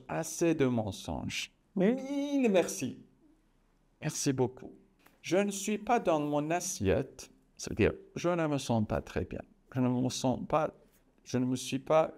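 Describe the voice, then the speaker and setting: Slow, deliberate male French teacher. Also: medium pitch, a little mellow. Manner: says each phrase slowly, repeats it, then explains in simple words. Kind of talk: explaining idioms, slow and deliberate.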